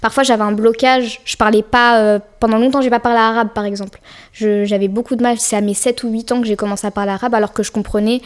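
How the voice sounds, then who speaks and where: Talking quickly with fairly even intonation, this young French woman has a slightly high voice. As a podcast guest in a casual interview, she chats comfortably and sprinkles in plenty of slang and fillers.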